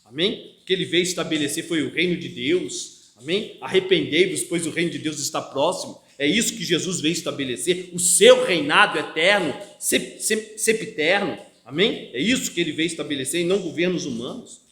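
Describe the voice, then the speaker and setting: Brazilian pastor preaching, high voice. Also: male voice, expressive, fairly quick, few pauses, fairly bright tone, roomy sound. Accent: Brazilian Portuguese. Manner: emphatic preaching with frequent call-and-response "amém?". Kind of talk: expository sermon. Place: church hall.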